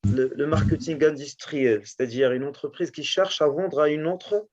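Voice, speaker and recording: A male teacher going over a test in class, speaking haltingly and often checking that his students follow. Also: on the high side, darkish tone, lo-fi sound. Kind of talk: classroom lesson correcting a test.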